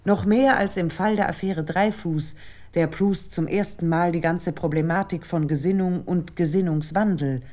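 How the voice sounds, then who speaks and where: In a literary radio production, a woman with a lowish, mellow voice reads scripted essayistic commentary. She sounds measured, articulate and serious.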